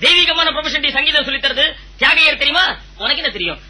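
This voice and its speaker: A man playing a broke music teacher and squabbling husband, full of quick punning comebacks, in a comedy audio drama. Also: very high-pitched, bright, forceful tone, exaggerated voice, rough recording. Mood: bickering.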